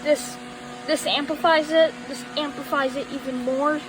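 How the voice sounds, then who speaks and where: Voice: high-pitched, steady tone, moderate pace, background noise. A host giving a casual demonstration of equipment in a homemade video.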